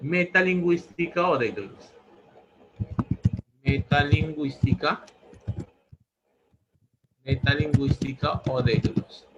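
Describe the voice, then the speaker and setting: A man's voice: on the high side, slow pace, long pauses, highs cut off, noisy background. A man teaching a language lesson, repeating each answer several times. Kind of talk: pre-university language lesson.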